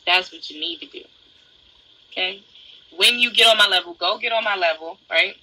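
A woman's voice: mid-range voice, normal speed, pushed and bright, husky, poor audio. A young woman hosting a casual livestream, brash and boastful, swearing freely. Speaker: livestream host.

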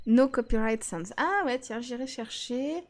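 A woman's voice: fairly high pitch, unhurried. A woman streaming a life-sim game, chatting casually and teasing her viewers. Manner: chatty, teasing, talks back to chat.

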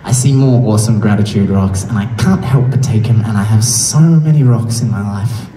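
A musician chatting loosely and gratefully to a crowd between songs at an outdoor concert, heard through the stage speakers. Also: male voice, lowish voice, normal speed, warm tone, slight background noise. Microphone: stage vocal mic through PA. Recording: distant, echoey live PA sound with music.

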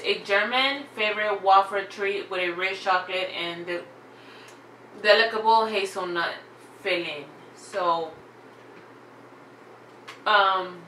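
A woman's voice: medium pitch, sharp tone, slight background noise. A woman chatting casually in a snack unboxing vlog, full of "like" and "y'all" fillers. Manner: chatty, filler-heavy, says "like" and "y'all" often. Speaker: vlogger reviewing snacks. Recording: echoey room, off-mic.

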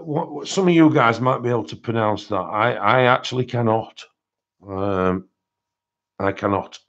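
A man's voice: medium pitch, highs cut off. A man hosting a live-stream coloring-supply haul, rambling and chatting with viewers in their comments. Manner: chatty and rambling, with frequent fillers and self-corrections. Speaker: coloring book channel host.

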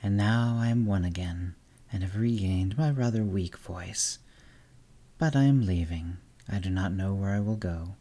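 A man's voice: sits low, unhurried, warm tone. A man voicing an ancient, hateful will-o'-the-wisp spirit in a weary, scornful hissing whisper, as a storybook reading.

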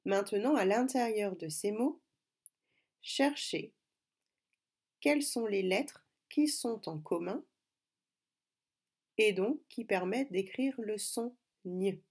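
Woman schoolteacher, mellow voice, slow deliberate phonics lesson for kids. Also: medium pitch. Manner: slow, clear, deliberate teacher talk addressing pupils. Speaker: primary school teacher.

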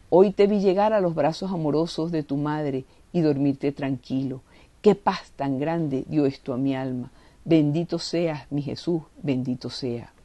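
A woman's voice: low voice, dark tone, dry recording. A woman giving a devotional reading and reflection, fervent and reverent, leaning on prayerful words.

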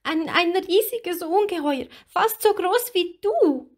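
A woman voicing a frightened little girl mermaid in a storybook reading, speaking high, trembling and sobbing. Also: animated, takes it slowly, full character voice.

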